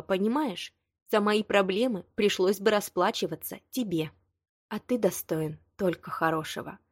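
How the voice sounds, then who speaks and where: A woman reading the lines of a prickly young woman, hurt but proud, defensive and quick to flare up. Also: mid-range voice, slightly rough, no room sound, clean studio sound, natural voice. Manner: tearful, defensive, flaring. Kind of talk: audiobook dialogue reading.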